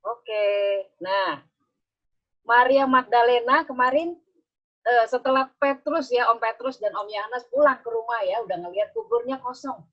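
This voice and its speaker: A woman's voice: a little high, normal speed, highs cut off. A woman Sunday school teacher telling a story to children on a video call, coaxing them with questions.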